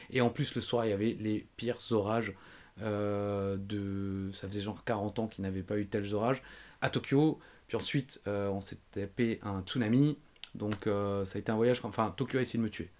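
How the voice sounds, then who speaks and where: A man's voice: on the low side, fairly even intonation, a little fast, darkish tone. A man hosting a podcast, chatting casually and telling rambling, self-mocking travel anecdotes. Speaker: podcast host.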